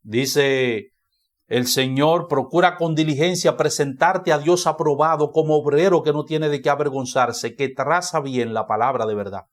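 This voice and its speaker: Emphatic Dominican pastor preaching. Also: male voice, a little high, normal speed. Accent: Dominican Spanish. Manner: emphatic, repeats key phrases for emphasis. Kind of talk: sermon. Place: church.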